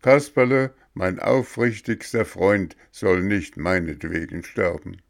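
A man's voice: animated, slow, creaky, exaggerated voice. A man voicing a brave wooden puppet boy who pleads in a raised, imploring voice in a storybook reading. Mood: heroic. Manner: high, imploring, heroic.

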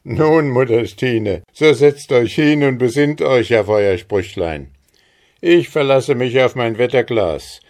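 Blustering stout farmer, loud and boastful, as a male storyteller puts him on, unhurried delivery. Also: lowish voice, expressive.

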